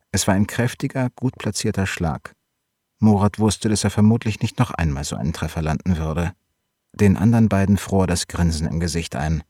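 A man narrating a novel in an audiobook reading, with steady, measured storytelling and a husky voice. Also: deep voice, no room sound, clean studio sound.

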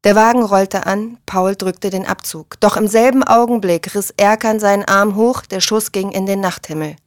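A woman reads a thriller audiobook with steady, measured narration. The recording is close and entirely dry, with no room sound. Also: mid-range voice, dry recording.

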